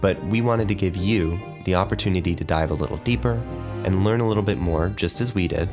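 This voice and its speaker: Male podcast host, very deep and easygoing, with music underneath. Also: brisk. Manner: easygoing, conversational. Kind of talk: scripted intro narration then casual interview.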